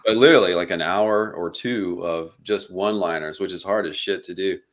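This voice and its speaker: A man as a podcast guest in casual chat, relaxed and swearing casually. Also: low voice, a little fast.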